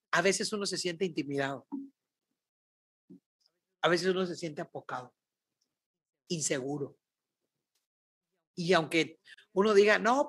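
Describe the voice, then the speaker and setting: A middle-aged Mexican woman, a guest prophet, telling a lively faith story on a podcast and acting out the dialogue. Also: lowish voice. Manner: animated, acts out dialogue.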